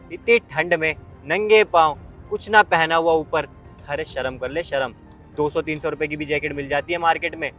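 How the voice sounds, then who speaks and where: A man's voice: fairly high pitch, fairly bright tone, close to an everyday voice. A young man playing an arrogant, boastful rich man who insults his ex-girlfriend in a web skit. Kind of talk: Hindi web skit acting.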